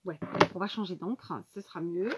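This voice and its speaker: A woman's voice: lowish voice, normal speed, heavy background noise. A woman hosting a casual craft tutorial, explaining each step to her viewers with many fillers and asides. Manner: talks directly to viewers.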